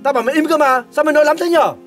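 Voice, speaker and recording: A man's voice: high-pitched, quick pace, soft background music, lightly acted. A man playing a curt elder son. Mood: irritated. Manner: curt with his wife, deferential to elders. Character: elder son wanting his own household. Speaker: son in family drama.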